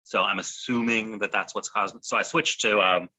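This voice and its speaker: A man speaks from his home over a video call that keeps breaking up and sounding choppy. His delivery is relaxed and hesitant, full of ums, and his voice is bright and sharp with a husky edge in a lowish register. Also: moderate pace. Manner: relaxed, hesitant, many fillers. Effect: choppy, cutting-out video call connection. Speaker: co-host of a business talk video. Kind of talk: casual chat.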